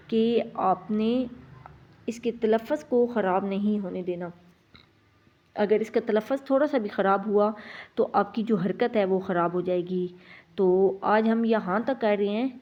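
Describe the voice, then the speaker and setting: Woman, Quran reading teacher, patient, repeats syllables slowly, mid pitch, slightly muffled recording. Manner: patient, repeats sounds slowly for students to copy. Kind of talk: slow didactic lesson with drilled syllables. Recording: slightly dull lo-fi sound.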